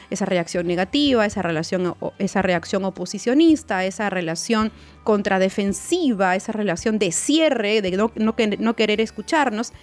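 A woman's voice: a little high, darkish tone. A woman psychologist giving relationship advice straight to the listener in a coaching tone, often repeating words and checking for agreement. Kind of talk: advice talk to viewers.

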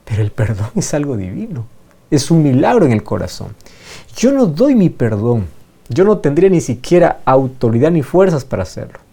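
A man's voice: mid-range voice, mellow, breathy edge. A man preaching a sermon, emphatic and fond of repeating phrases for effect.

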